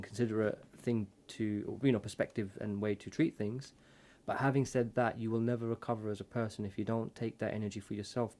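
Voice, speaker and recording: A man's voice: lowish voice, mellow. A man co-hosting a casual chat over drinks, talking in an earnest, reflective way that rambles with restarts. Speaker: co-host.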